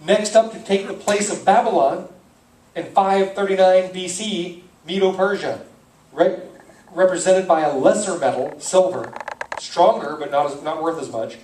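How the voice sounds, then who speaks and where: A male pastor gives a verse-by-verse Bible lesson in a loose, conversational way, pausing to work out names aloud. His voice sits a little high and sounds far from the mic, and the church hall around him rings with echo. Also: darkish tone, slight background noise. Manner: conversational, thinks aloud, self-correcting on names.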